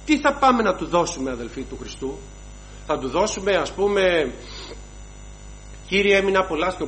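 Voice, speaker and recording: A man's voice: fairly high pitch, a bit bright, slight background noise, poor audio. A man preaching a sermon to his congregation, emphatic and rhythmic, listing sins one after another and calling the listeners brothers.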